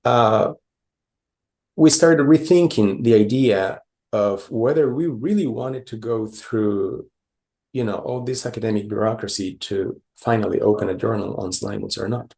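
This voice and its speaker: Gravelly low-voiced man from Costa Rica. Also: a little slow, dark tone. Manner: hesitant, many fillers and restarts. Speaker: conference presenter. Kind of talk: conference talk with slides.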